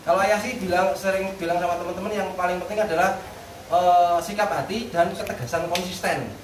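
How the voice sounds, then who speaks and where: A man's voice: sits high, steady tone, brisk. A man chatting casually and earnestly about setting firm rules for dogs. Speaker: guest dog owner. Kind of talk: casual chat about dog training. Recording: roomy, distant mic, faint noise.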